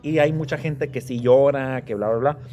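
A man telling stories in relaxed conversation, often chiming in with quick agreement. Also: mid-range voice, dull audio. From Mexico. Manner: conversational storyteller, frequent affirmations. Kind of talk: casual chat.

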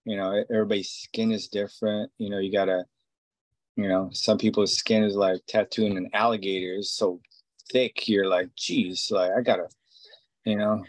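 A man's voice: on the low side, steady tone, moderate pace, no room sound. A man in his forties from Israel, a tattoo artist, talking casually in an interview and rambling with many fillers and restarts. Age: 40s.

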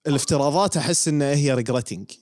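A man's voice: on the high side, quick pace, darkish tone, dry recording, studio quality. A man with a Kuwaiti Arabic accent, co-hosting a casual podcast and explaining ideas step by step while checking that his partner follows. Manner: explains patiently, checks that he is understood. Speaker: podcast co-host. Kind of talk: casual chat.

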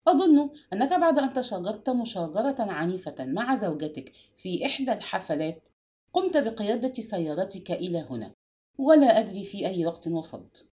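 A woman reading aloud and voicing a calm, shrewd old spinster detective who speaks low, slow and measured. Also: natural voice. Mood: grave, knowing.

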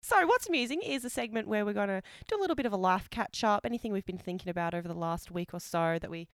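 Chatty woman with a lively voice. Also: mid-range voice, fast, no echo, clean studio sound. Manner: chatty, trails off, laughs easily. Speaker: podcast co-host. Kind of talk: casual chat.

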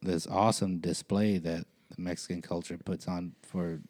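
A man's voice: deep voice, level tone, normal speed, darkish tone. A man co-hosting a podcast in casual chat, laid-back, with many fillers and casual swearing. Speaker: podcast co-host.

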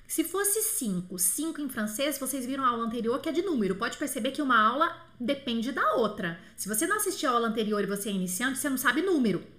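Female French teacher, slightly high voice, patient and repetitive, live class answering chat. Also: very animated, sharp tone. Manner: patient, repeats words slowly to model pronunciation; answers viewers' questions by name. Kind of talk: live online lesson.

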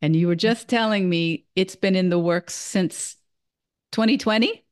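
A podcast host with a fairly low, smooth voice speaks at a measured pace. Interviewing her guest, she hesitates, often restarts her sentences and praises the guest effusively.

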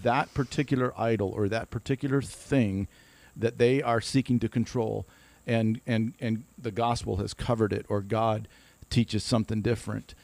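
A man's voice: fairly low pitch, fairly even intonation, normal speed, darkish tone, no room sound. A man from Ohio, co-hosting a casual ministry podcast and talking earnestly, often repeating words while he builds a point. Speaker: podcast co-host.

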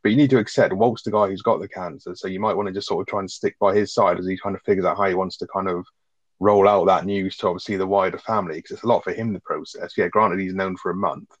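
A man's voice: deep voice, fairly even intonation, quick pace, no room sound. A man chatting casually about a TV episode, opinionated and swearing freely. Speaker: podcast co-host. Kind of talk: casual recap chat. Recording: dull, dry sound.

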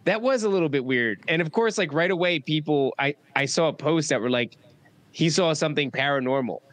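A man's voice: fairly high pitch, fairly quick, fairly bright tone. A young man hosting a podcast, chatting casually and swearing as he tells stories. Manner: profane, rambling, talks through stories. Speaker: podcast host. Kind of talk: casual chat.

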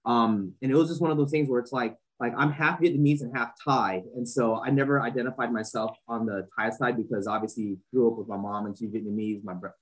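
This is a man in his forties who grew up in Southern California, a fashion entrepreneur appearing as a podcast guest for a casual interview chat. He speaks at a quick pace with a medium pitch and few pauses, rambling loosely through many fillers and restarts, on a rough recording.

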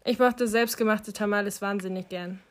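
A woman reading a first-person audiobook in a quiet, reflective way, her voice dropping at the end of lines. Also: mid-range voice, steady tone, normal speed. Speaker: audiobook narrator. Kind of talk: audiobook narration.

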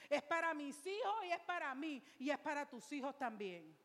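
A woman's voice: high-pitched, very animated, moderate pace, a bit bright, big-room sound. A woman pastor preaching a sermon in church, emphatic and repetitive, with rhetorical questions.

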